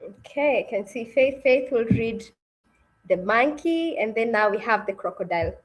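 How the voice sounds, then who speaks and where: A woman with a slightly high, animated voice speaks at normal speed; the sound is a bit rough with the highs cut off. Hosting an interactive online read-aloud on a video call, she narrates the story and frequently checks in with her listeners in an encouraging way.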